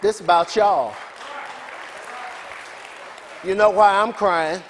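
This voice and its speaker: A man preaching a sermon as pastor, building passionately from measured lines to shouted calls. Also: high-pitched, some chatter behind, slight background noise. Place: large church sanctuary with congregation. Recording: reverberant church hall, faint congregation.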